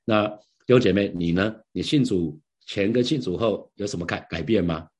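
A middle-aged pastor gives a devotional Bible sharing in an earnest, conversational way. His voice sits low and has a husky, slightly breathy texture. He keeps turning to the listeners with rhetorical questions. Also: fairly quick, a little mellow.

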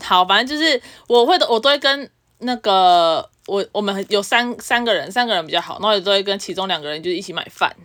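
A young woman talks very quickly, co-hosting a casual podcast. She tells her stories in an animated way. Her pitch sits in the middle range. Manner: fast, animated storytelling. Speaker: podcast co-host. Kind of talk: casual chat.

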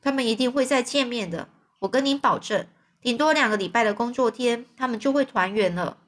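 A woman voicing a quick-witted young boy who plays innocent. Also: on the high side, natural voice. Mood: earnest. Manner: innocent, feigning surprise.

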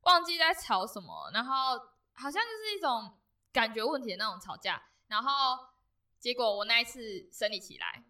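Quick, bright woman, a little off-mic. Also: fairly high pitch, big pitch swings, far from the mic. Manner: blunt, teasing, loud laughter. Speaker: podcast co-host. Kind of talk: casual chat.

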